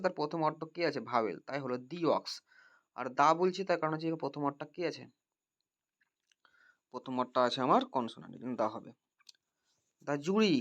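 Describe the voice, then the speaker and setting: Man tutoring grammar with many checking questions, slightly high voice. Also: fairly bright tone. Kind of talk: grammar lesson. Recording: dull lo-fi recording.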